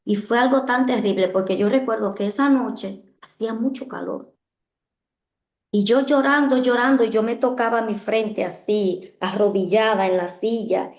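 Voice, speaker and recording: A woman's voice: on the high side, steady tone, normal speed, darkish tone. A woman giving an earnest personal testimony in an interview, often repeating her phrases for emphasis. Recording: echoey, dull-sounding room.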